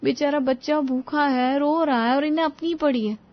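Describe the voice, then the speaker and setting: A woman voicing a tired young mother and daughter-in-law in an animated story, protesting in exasperation. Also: high voice, moderate pace, lo-fi sound, voice pushed up, lightly acted. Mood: bitter.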